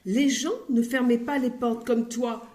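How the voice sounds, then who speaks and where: A woman reading a children's story aloud in an expressive, playful way, recorded in an echoey room. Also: a little high, measured pace, noisy background.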